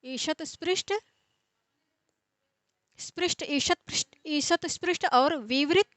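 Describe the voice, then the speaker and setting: High-voiced woman teaching Sanskrit grammar. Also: slow pace, fairly bright tone, no echo. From India. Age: young adult. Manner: repetitive, rephrasing as she explains. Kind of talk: explanatory lecture.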